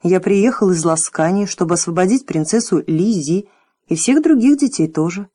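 A woman voicing a brave young boy hero who speaks calmly, firmly and politely in an audiobook. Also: lowish voice, normal speed, slightly rough, no room sound, studio quality. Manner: calm, firm and polite. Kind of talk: audiobook character voice.

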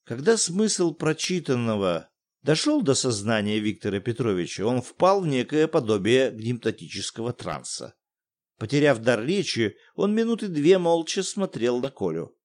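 A man's voice: mid-range voice, darkish tone. A man narrating an audiobook with dramatic storyteller delivery.

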